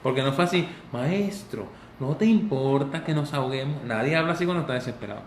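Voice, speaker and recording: A man preaching a sermon as pastor, in an animated, conversational way. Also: medium pitch, a little fast, a little hiss or hum. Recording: echoey room with faint ambience.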